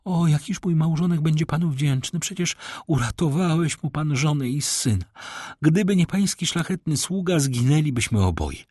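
A man voicing a terrified aristocratic young mother in an audiobook, high, effusive and breathless. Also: expressive, normal speed, darkish tone, husky, dry recording, studio quality. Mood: excited.

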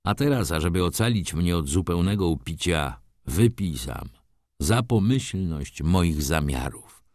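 A man voicing a restless middle-aged gentleman who answers in an impatient, abrupt way. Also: low voice, lively intonation, a little slow, no room sound, clean studio sound. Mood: steady.

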